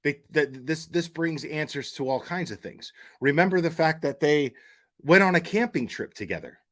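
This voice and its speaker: A man with a rather high, expressive and fairly bright voice runs a casual true-crime livestream at normal speed. He's emphatic and blunt, swears freely, airs strong opinions, and tends to repeat words and phrases while figuring out what he means.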